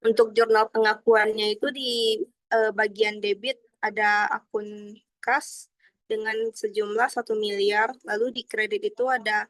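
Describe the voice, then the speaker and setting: This young woman formally explains accounting in a student slide presentation, reading some sections verbatim. Her medium-pitched voice shows little pitch movement and an unhurried pace; the recording has no echo but is rough.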